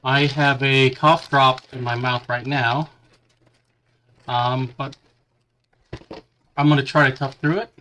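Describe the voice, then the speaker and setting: At his workbench, a man hosts a casual livestream while building a model kit, his mid-range voice bright, forward, and steady in tone. Still recovering from a cold, he has a lingering cough and stuffy nose, and he chats in halting bits while his hands stay busy. The audio quality is poor.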